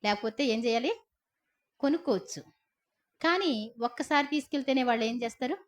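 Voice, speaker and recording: A woman's voice: high voice, brisk. A middle-aged woman preaching a sermon in a chatty, storytelling way, often asking her listeners questions. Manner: conversational preaching with rhetorical questions and tag questions.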